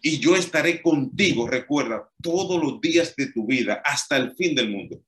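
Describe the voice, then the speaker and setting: A man's voice: medium pitch, lively intonation, moderate pace, a bit bright. A man preaching an emphatic, repetitive sermon. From Dominican Republic.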